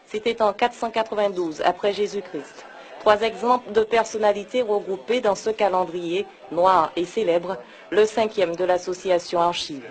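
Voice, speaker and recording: A woman reading scripted narration for a news report in an even, measured way. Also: medium pitch.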